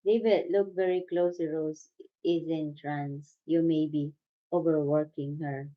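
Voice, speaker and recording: A woman's voice: low voice, fairly even intonation, unhurried. A woman from the Philippines with a Filipino accent, chatting casually with viewers as co-host. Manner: chatty, thanks viewers warmly. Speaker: channel co-host. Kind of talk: casual live chat with viewers. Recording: dull lo-fi stream audio.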